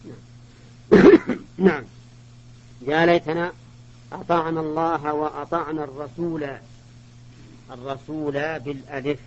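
A man gives a classroom lesson on Quran recitation. He breaks each point down and checks his listeners with quick questions. His voice sits a little high for a man and comes through a dull, lo-fi old recording. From Saudi Arabia. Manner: explains point by point, quizzes listeners with short questions. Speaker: Islamic scholar teaching.

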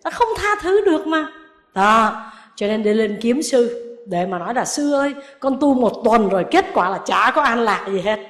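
Lively storytelling nun in an echoey room. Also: female voice, fairly high pitch, moderate pace. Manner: lively storytelling, acts out quoted people, chuckles. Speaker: Buddhist nun giving a dharma talk. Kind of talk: sermon.

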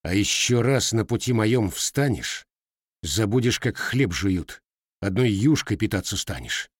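A man reading a young man who issues low, hissing threats. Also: animated, unhurried, husky, no room sound, clean studio sound. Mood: menacing.

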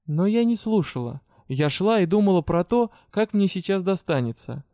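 Clear-voiced male audiobook narrator. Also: high-pitched, expressive, normal speed, mellow, no echo, studio quality. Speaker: audiobook reader. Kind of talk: first-person fantasy audiobook narration.

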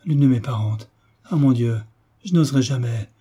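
A man's voice: medium pitch, moderate pace, dark tone, slightly rough. A man voicing a devoted, fawning governess in an audiobook, fussy and deferential. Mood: flustered. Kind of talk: audiobook character reading.

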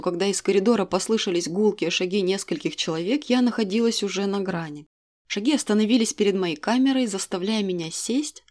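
A woman reading a first-person novel aloud in an expressive, even storytelling manner. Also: mid-range voice. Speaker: audiobook narrator. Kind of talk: scripted first-person narration.

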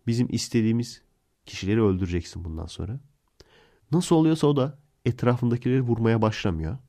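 A man's voice: mid-range voice, expressive, fast talker, warm tone. A man hosting a podcast, casually retelling a film plot in a rambling way and correcting himself as he goes. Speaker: podcast host.

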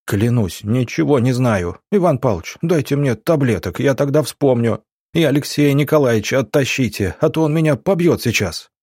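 A man voicing a frightened, whiny wounded patient who pleads in a strained, high voice for an audiobook. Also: animated, normal speed, darkish tone, slightly rough, no echo, studio quality. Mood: pleading.

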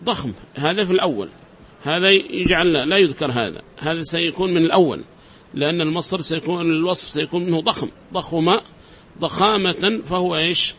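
Higher-voiced man teaching a class. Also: a little fast, a bit bright, a little hiss or hum. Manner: explains step by step, repeats examples, quizzes students. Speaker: teacher of Arabic grammar. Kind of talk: classroom lecture.

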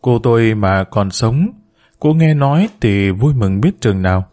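A man's voice: on the low side, animated, measured pace, a little mellow. A man reading the lines of a worried, devoted woman caretaker in a storybook tale, with a pleading, anxious manner. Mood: tender.

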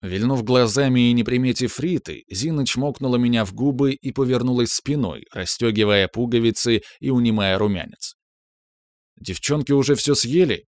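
A man reading an audiobook with steady, expressive narration. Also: medium pitch, normal speed, hardly any pauses, no echo.

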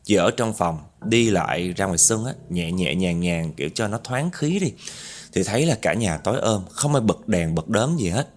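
Man, horror storyteller, lively lower voice, talks straight to listeners. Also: moderate pace. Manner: chatty, addresses listeners directly.

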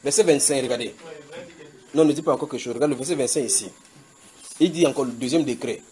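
A man preaching a sermon at a house church, slowly repeating scripture and checking in with the congregation. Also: medium pitch, mellow. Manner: emphatic, repeats scripture slowly with call-and-response tags to the congregation. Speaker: pastor.

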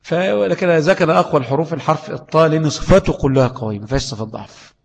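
An Egyptian man teaches tajweed, tossing rhetorical questions to his students as he explains. His voice has a gravelly edge. A long reverb trails behind it, as in a hall. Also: a little high, very fast. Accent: Egyptian Arabic. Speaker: Quran recitation teacher. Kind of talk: tajweed lesson.

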